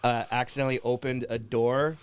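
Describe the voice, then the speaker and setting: Man, co-host, smooth clear voice, blunt, dry humor. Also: mid-range voice, flat delivery, a little fast, dry recording. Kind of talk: casual podcast chat.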